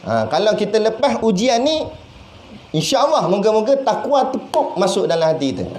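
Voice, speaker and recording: A man with a Malaysian Malay accent giving a sermon as a religious teacher. He talks in a lively, conversational way, asking questions and acting out little voices. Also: sits high, normal speed. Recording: echoey room with faint background noise.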